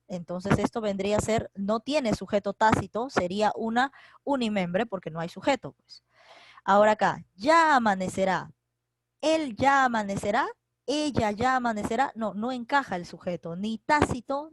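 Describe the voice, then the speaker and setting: A woman teaching grammar over a virtual class, in a fairly high voice. She repeats each point patiently and keeps checking in with her students through tag questions. The sound is dry and close, with no room around it. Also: no echo. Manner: patient, repetitive explaining with frequent tag questions; slows down to spell out example sentences. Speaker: secondary school teacher. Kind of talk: online grammar lesson. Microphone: computer mic for a virtual class.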